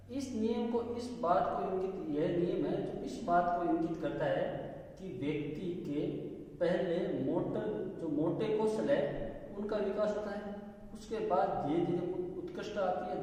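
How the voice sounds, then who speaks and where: A man's voice: high-pitched, warm tone. Man lecturing in an echoey hall. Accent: Rajasthani. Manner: explains slowly, repeating each point. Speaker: teacher. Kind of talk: classroom lecture. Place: college classroom. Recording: echoey hall, distant mic.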